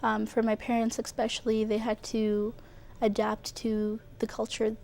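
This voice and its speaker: A young woman from Ethiopia answers interview questions in a casual way, often saying "um" and "like". Her voice is mellow and fairly flat. Faint noise hums behind her. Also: on the high side, normal speed, gravelly. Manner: casual, with fillers like "um" and "like". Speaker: guest.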